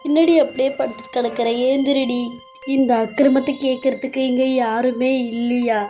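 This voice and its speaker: A woman's voice: sits high, fairly even intonation, normal speed, warm tone, faint music behind, close to an everyday voice. Woman playing a wailing, frantic mother. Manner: wailing, pleading. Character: frantic mother wailing over her hurt daughter. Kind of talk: Tamil audio serial acting.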